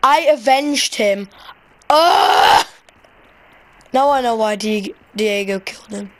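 A woman with a Yorkshire accent commentating her gameplay live, excitable and bursting into shrill outcries between muttered asides. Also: slow. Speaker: gaming commentator.

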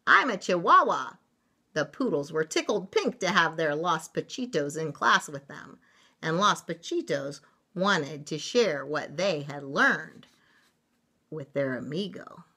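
A woman reading a children's picture book aloud as a storyteller, expressive and unhurried. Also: low-pitched, slightly rough. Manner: expressive and unhurried, drawn-out words.

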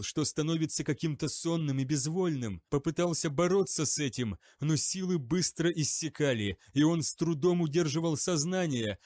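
A man reading an audiobook in a steady, dramatic narrating style. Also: fairly high pitch, no room sound, studio quality. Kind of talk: scripted narration.

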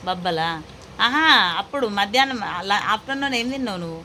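A mother in her thirties with a Telangana Telugu accent talks to her children in a casual home vlog, asking question after question in a coaxing way and then softly explaining what she is cooking. Her voice sits a bit high and sounds bright and sharp. A faint hiss of noise runs underneath. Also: lively intonation, quick pace. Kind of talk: casual family vlog chat. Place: home kitchen.

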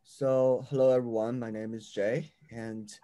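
A man's voice: mid-range voice, flat delivery, measured pace, warm tone. A man from China introducing himself as an entrepreneur on an online panel, plain and straightforward.

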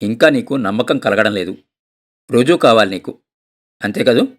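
A man's voice: mid-range voice, expressive, moderate pace, lightly acted. A man voicing a stern, practical middle-aged husband who lectures and insists in a storybook reading. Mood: insistent. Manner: insistent, scolding.

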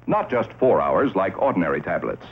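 Highly animated male vintage announcer. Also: moderate pace, slightly rough. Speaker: commercial announcer. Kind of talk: scripted vintage ad narration. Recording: dull, slightly noisy old commercial audio.

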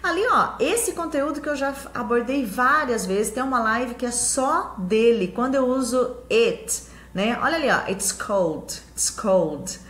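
A woman's voice: high-pitched, lively intonation, normal speed, fairly bright tone. A Portuguese-speaking woman teaching an English lesson in a chatty way, checking in with her viewers often. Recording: echoey room with faint hum.

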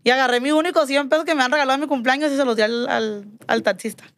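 A woman's voice: high-pitched, very fast, no room sound. A woman telling a personal story as a podcast guest, in a chatty way that acts out quoted dialogue. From Mexico. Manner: animated, acts out quoted dialogue, repeats "me dijo". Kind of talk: casual storytelling chat.

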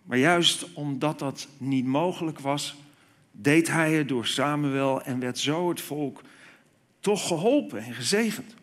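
Male preacher, unhurried sermon delivery, somewhat high voice. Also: fairly bright tone. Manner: slow, deliberate, with emphatic rises on key words.

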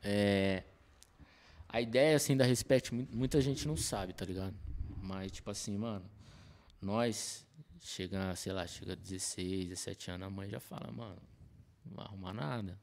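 A man, telling his story as a podcast guest in a relaxed, slangy way, recorded on a desk mic in a small studio. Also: fairly low pitch, normal speed. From Campinas, Brazil. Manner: relaxed slangy storytelling, many fillers and self-corrections. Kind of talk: casual storytelling interview. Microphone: desk mic on stand.

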